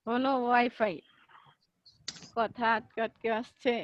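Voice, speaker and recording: A woman's voice: a little high, little pitch movement, muffled recording, slight background noise. A woman teacher giving an online class while her voice breaks up and drops out over the call. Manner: explains slowly, asks students questions. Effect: voice breaking up over a choppy online call. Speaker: school teacher. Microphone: online video call.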